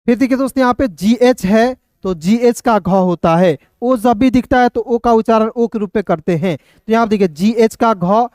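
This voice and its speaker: An online teacher giving a reading lesson, spelling words out letter by letter and then reading each one slowly. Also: medium pitch, darkish tone, dry recording, studio quality. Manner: keeps addressing viewers as friends, asks and answers own questions.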